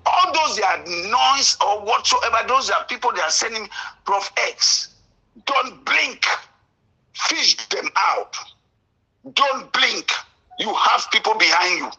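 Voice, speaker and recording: A man from Cameroon with a Cameroonian English accent, calling in to a radio show, impassioned and indignant, at times breaking into shouts. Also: sits high, big pitch swings, slow pace, slightly rough, rough recording. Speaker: caller. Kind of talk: call-in radio talk.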